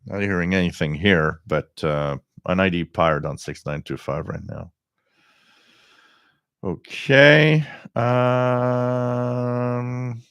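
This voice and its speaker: A middle-aged man hosting a casual live stream, talking in a halting way with frequent pauses as he reads out viewer comments. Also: fairly low pitch, a bit bright, dry recording, clean studio sound. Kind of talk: casual live stream chat about radio.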